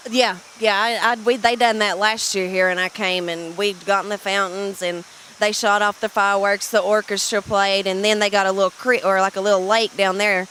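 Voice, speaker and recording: Bright-voiced country woman, rambling. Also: medium pitch, fairly even intonation, normal speed, a little hiss or hum, poor audio. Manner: rambling, self-correcting, giggly. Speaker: interviewee. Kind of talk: casual chat. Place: outdoors in a park.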